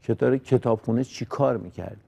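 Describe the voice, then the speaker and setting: A man hosting a children's TV show from a studio, patient and gently scolding as he talks with puppets. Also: medium pitch, gravelly, slightly rough. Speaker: children's TV host. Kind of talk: talking to puppets and young viewers.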